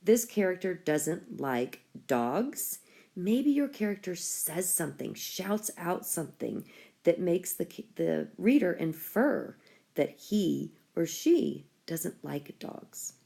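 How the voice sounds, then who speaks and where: Slow-paced woman teacher with creaky voice. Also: on the low side, big pitch swings, mellow. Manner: explanatory, step-by-step. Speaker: school teacher. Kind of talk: classroom writing lesson.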